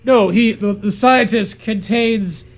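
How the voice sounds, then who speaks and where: A man's voice: high-pitched, takes it slowly. A man reading a silly story aloud and adding dry, mock-earnest jokes. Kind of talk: comedic story reading with banter.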